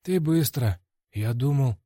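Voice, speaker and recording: A man's voice: mid-range voice, lively intonation, takes it slowly, dark tone, no echo, clean studio sound, pitched above the performer's own voice. A man voicing a breezy, talkative young male fighter in an audiobook.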